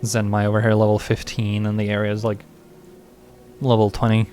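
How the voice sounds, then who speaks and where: A man's voice: lowish voice, completely flat delivery, fairly quick, a little mellow. Rambling man streaming a game. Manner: rambling and joking, heavy use of "like". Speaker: gaming streamer. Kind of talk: casual let's-play commentary.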